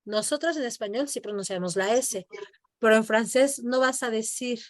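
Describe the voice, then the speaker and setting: Speaking at an ordinary speed with a fairly high pitch, a woman gives an online French class, patiently explaining in both Spanish and French. She models words for her student to repeat, and the recording is dry with clean studio quality.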